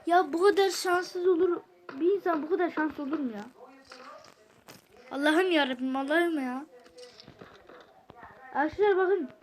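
A woman's voice: very high-pitched, a little slow, long pauses. A woman hosting a gaming channel, commenting on a mobile game while venting her exasperation to viewers.

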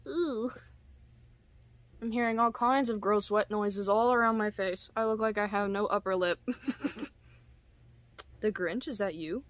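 A woman's voice: mid-range voice, fairly even intonation, moderate pace, dry recording. A woman casually reviewing skincare products on a vlog, giggly, self-deprecating and rambling.

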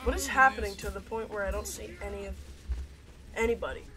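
A woman's voice: mid-range voice, fast, music in the background. A woman doing rambling, chatty gameplay commentary, talking to her viewers as she plays. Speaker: gaming video creator.

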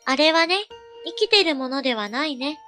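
A woman's voice: high voice, lively intonation, moderate pace, bright, forceful tone, soft background music. A woman playing an eerily composed, teasing female cousin in a horror story, speaking casually and matter-of-factly. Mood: knowing, teasing. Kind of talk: horror story audio drama dialogue.

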